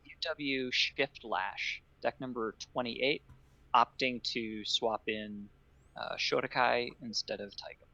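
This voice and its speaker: A man announcing his pick over a voice chat line with choppy, cutting-out audio and a slow, halting delivery. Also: mid-range voice, vocal fry, pushed and bright, no echo, muffled recording. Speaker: draft participant. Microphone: voice chat microphone.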